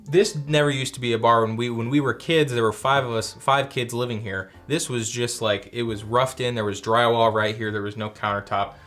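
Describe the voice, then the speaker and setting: A young adult man co-hosting a casual chat, talking in a relaxed, rambling way that keeps correcting itself. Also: medium pitch, fairly quick, hardly any pauses. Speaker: co-host.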